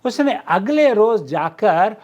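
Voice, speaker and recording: A man hosting his channel, explaining things in a casual talk and filling pauses with drawn-out "aa" sounds. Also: high voice, very animated, darkish tone. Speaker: channel host.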